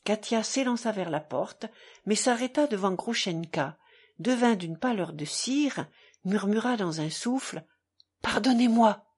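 Woman narrator, audiobook, measured, husky breathy voice. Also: mid-range voice, lively intonation, a little mellow. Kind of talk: audiobook reading of a classic novel.

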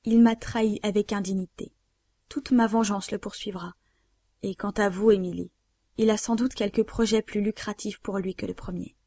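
A woman's voice: mid-range voice, fairly even intonation, moderate pace, warm tone, no room sound, lightly acted. A woman voicing a desperate nobleman in love, urgent and imploring, in a read-aloud story. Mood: vehement.

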